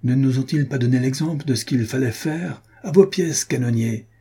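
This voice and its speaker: A furious army captain barking orders at his gunners, read by a man. His commands come out raised and sharp over a dark, husky voice, in a storybook reading. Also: mid-range voice, steady tone, a little fast, pitched above the performer's own voice. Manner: shouted commands. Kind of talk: audiobook character reading.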